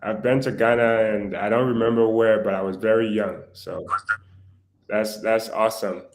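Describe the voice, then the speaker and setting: A man's voice: fairly low pitch, moderate pace. A man hosting a live online talk show, interviewing a guest and chatting casually to viewers. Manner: relaxed, conversational, filling time to camera.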